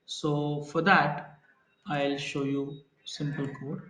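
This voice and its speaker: A man's voice: a little high, little pitch movement, slow pace, pushed and bright, slight background noise. Man teaching programming in an echoey room. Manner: explains with everyday examples, asks students questions. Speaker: programming instructor. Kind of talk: live online class lecture.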